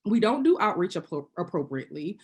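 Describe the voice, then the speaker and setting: A woman giving prepared remarks as a panelist over a video call. She speaks earnestly and pointedly, with wry asides, and now and then clears her throat. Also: on the low side, sing-song, fairly quick, a little mellow. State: occasionally choking and clearing throat.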